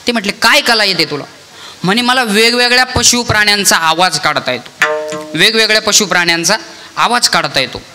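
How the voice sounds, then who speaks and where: A man's voice: high-pitched, a little fast, over music. A young man preaching a devotional sermon, telling a parable and acting out the lines of each person in the story, with calls to the deity between passages. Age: young adult. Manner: tells a parable and acts out each speaker's lines. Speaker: kirtan preacher.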